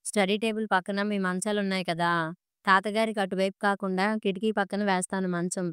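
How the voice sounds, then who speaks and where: A caring middle-aged mother talks to her children, gentle but firm, as a woman reading the story voices her. The voice is smooth and clear, and the sound is dry and close. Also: mid-range voice, flat delivery, fairly quick, no room sound, lightly acted.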